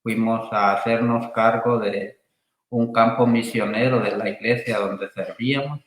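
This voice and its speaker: Slow, halting man pastor in an echoey room. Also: medium pitch, fairly even intonation. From Honduras. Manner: halting and deliberate, with long pauses. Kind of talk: answering interview questions.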